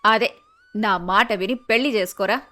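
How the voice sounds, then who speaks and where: A woman's voice: medium pitch, normal speed, dry recording, natural voice. Woman voicing a blunt nagging cartoon mother. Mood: coaxing. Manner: scolding, teasing, matter-of-fact. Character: nagging middle-aged mother, fussy and blunt. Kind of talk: animated storybook dialogue. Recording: dry close voice, soft music.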